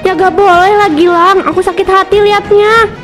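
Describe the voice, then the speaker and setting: A woman's voice: very high-pitched, fairly even intonation, normal speed, over music. A woman voicing Anissa, a jealous, indignant schoolgirl in a cartoon parody soap. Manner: accusing, indignant.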